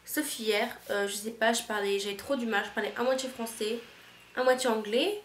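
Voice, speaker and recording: A young woman from France talks casually to camera, rambling and slangy, often restarting her sentences. Her voice sits a little high. The room is echoey, with a faint hum behind her. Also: steady tone, normal speed. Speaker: au pair vlogger.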